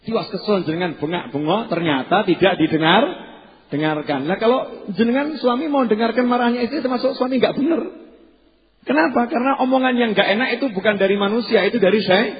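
A man with a Javanese accent delivers a casual, joking sermon to his congregation and drops Javanese phrases in as he goes. His voice sits a little high. The recording is dull and muffled, and the sound carries a long reverb from a big hall. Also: a little fast. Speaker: Islamic preacher.

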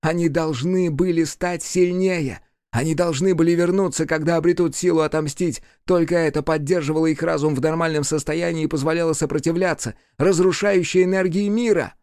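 A man's voice: fairly high pitch, steady tone, brisk, hardly any pauses, darkish tone, dry recording, clean studio sound, voice pushed up, natural voice. A man voicing a vengeful, anguished male demon in an audiobook, shrieking and wailing on the edge of tears. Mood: bitter. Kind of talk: audiobook character voice.

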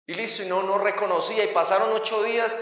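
High-voiced Colombian preacher in echoey hall. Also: male voice, fast, recorded from a distance, muffled recording. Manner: animated storyteller acting out scenes. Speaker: youth pastor giving a testimony. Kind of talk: sermon testimony.

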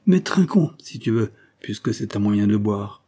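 A man voicing a big, hearty revolutionary leader in an audiobook, with a booming, overbearing voice. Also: expressive, measured pace, warm tone. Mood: boisterous. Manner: hearty, overbearing, tipsy bonhomie. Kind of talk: audiobook character voice.

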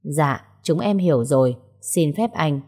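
A woman's voice: sits low, lively intonation, measured pace, warm tone. A woman reading a story aloud, voicing a junior male police officer who asks his boss for guidance politely and hesitantly. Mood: deferential.

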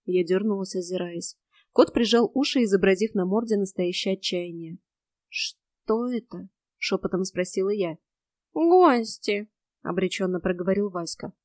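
A woman's voice: medium pitch, steady tone, a little fast, a little mellow, no room sound. Woman reading a story in a dry, wry voice. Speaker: audiobook narrator. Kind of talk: first-person audiobook narration.

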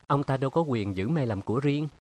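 A man voicing a sharp-tongued young woman in an audiobook, teasing and sarcastic in tone. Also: mid-range voice, lively intonation, fast, pitched above the performer's own voice, natural voice. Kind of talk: audiobook character reading.

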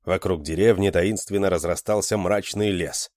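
A man reading an audiobook aloud, with lively, expressive storytelling into a close mic. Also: low-pitched, moderate pace, no room sound. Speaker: narrator.

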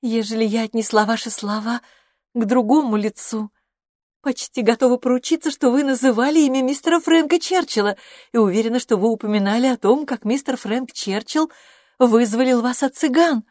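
Чтица в роли сдержанной Эммы. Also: female voice, fairly high pitch, darkish tone, no echo, studio quality, voice pushed up, lightly acted. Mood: firm. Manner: measured and composed. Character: poised clever young gentlewoman, Emma.

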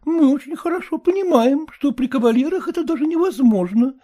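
A woman's voice: high voice, expressive, fairly quick, warm tone, pitched above the performer's own voice. A reader voicing a prim, affected young woman in her early twenties who complains to her mother. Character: pert young unmarried daughter, early twenties.

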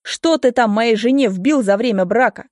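A woman's voice: a little high, normal speed, a little mellow, dry recording, clean studio sound, natural voice. A woman voicing an enraged husband who harshly demands answers. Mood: angry.

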